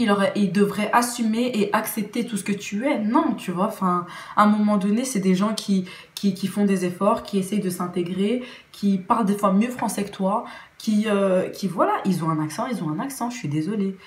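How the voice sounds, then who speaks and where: A young Belgian woman with a Belgian French accent, talking earnestly in a casual opinion vlog, often restarting her sentences. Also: mid-range voice. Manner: earnest, with many restarts and fillers. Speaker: vlogger. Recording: roomy echo.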